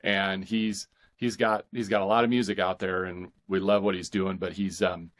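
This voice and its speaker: Thinking out loud with halting enthusiasm, a man in his forties from America talks casually as an interview guest. His voice is deep, level in tone, and a bit bright.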